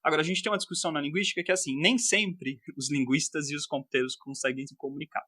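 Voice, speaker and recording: A man's voice: a little high, steady tone, fast talker, pushed and bright, breathy edge, no echo, studio quality. A man from the São Paulo interior with a local Portuguese accent, explaining linguistics as a podcast guest, often tagging sentences with "né?". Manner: explanatory, gives examples, many "né?" tags.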